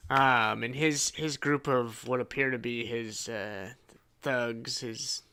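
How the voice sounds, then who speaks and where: Brief: male game master, slow halting narration, gravelly bright voice. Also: mid-range voice, steady tone. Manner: halting, many fillers and restarts.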